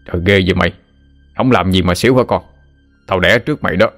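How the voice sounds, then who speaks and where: A man's voice: low-pitched, fast talker, fairly bright tone. A man doing a teasing jovial village uncle. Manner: mocking, teasing banter. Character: teasing middle-aged uncle, jovial and crude. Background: faint background music.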